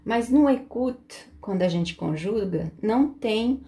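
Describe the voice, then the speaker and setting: A Portuguese-speaking woman gives a slow, unhurried lesson in French grammar, with a mellow, gravelly voice. She is patient and goes back over every point so it sinks in. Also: a little high, animated. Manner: patient, repeats each point carefully. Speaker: French teacher.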